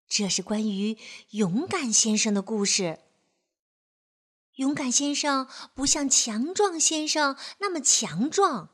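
A woman storyteller reading a picture book aloud to children, gentle and expressive. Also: fairly high pitch.

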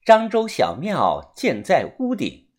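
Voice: medium pitch, huge pitch swings, slow pace, a little mellow, heavily acted. A storyteller doing a cool, teasing woman doctor. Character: cool, confident woman doctor and martial artist.

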